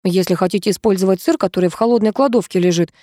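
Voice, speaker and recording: A woman's voice: mid-range voice, racing, dark tone, no room sound, clean studio sound, lightly acted. A woman voicing a grumbling, crude male kitchen worker.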